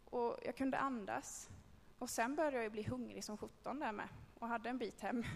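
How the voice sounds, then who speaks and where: Woman sharing a personal testimony to a group, conversational and halting, gravelly tone, recorded in a reverberant hall. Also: on the high side, fairly even intonation, a little hiss or hum. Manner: candid, conversational storytelling with hesitations. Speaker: speaker telling a personal faith story.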